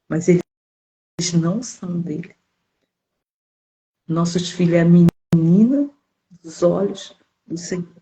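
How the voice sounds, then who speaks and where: A woman's voice: lowish voice, warm tone, low-quality recording. Emphatic Brazilian woman preaching. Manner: emphatic, repeats words for stress. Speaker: preacher giving testimony. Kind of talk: sermon testimony.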